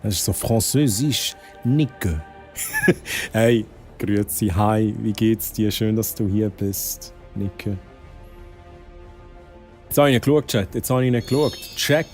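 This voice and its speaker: A man's voice: fairly low pitch, slow pace, pauses often, faint music behind. A young man from Switzerland with a Swiss German accent, chatting casually to his chat while gaming, often dropping English exclamations. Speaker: streamer.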